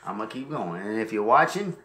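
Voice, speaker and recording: A man co-hosting a casual show, blunt and quick to laugh. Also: lowish voice, expressive, a crowd in the background. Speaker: co-host. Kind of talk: casual debate-show banter. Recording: echoey room.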